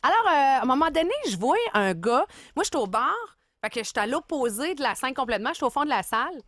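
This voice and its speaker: A woman's voice: sits high, animated, quick pace, fairly bright tone, no room sound. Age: adult. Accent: Beauce Quebec French. Sex: woman. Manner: chatty radio storyteller, laughs often. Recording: dry studio mic. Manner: chatty, laughing, acts out voices in her stories. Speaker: radio co-host.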